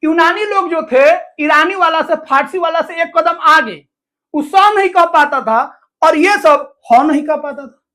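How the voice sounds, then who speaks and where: A woman with a very high, slightly bright voice teaches a school lesson at a measured pace. She explains the material to her students, posing questions and answering them herself, repeating things a lot.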